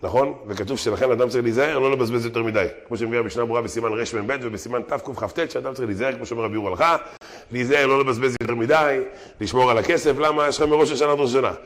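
A man teaching a weekly religious lesson in an animated, slangy way that mixes learned phrases with street talk. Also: mid-range voice. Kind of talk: religious lesson mixed with jokes.

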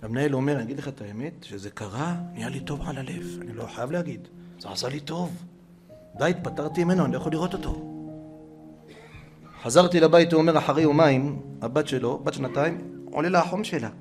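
A man with a gravelly, creaky voice tells a dramatic story. He acts out every quote, sinking to hushed whispers and then rising loud. Clear guitar music plays under his voice. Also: fairly high pitch.

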